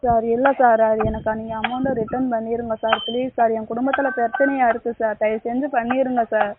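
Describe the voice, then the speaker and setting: A woman's voice: on the high side, flat delivery, fast. A woman on a phone call, begging and repeating "sir" in nearly every line as she pleads for her money back. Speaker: scam victim on a phone call. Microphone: phone call recording. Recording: tinny phone line with loud noise.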